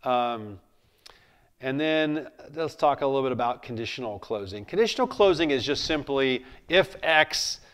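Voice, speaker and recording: A man's voice: mid-range voice, expressive, normal speed, clean tone. A man in a mid-range voice runs a sales lesson. He speaks emphatically, drops in fillers and restarts, and acts out example lines as confident commands. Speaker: sales trainer. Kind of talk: instructional talk.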